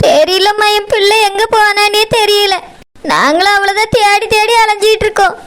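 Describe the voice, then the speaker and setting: A woman's voice: extremely high pitch, fairly even intonation, normal speed, fairly bright tone. A woman voicing a distraught village mother in a cartoon, crying and pleading as she speaks with a Kanyakumari Tamil accent. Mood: tearful explaining. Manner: tearful, pleading. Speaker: cartoon character. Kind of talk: animated cartoon voice acting.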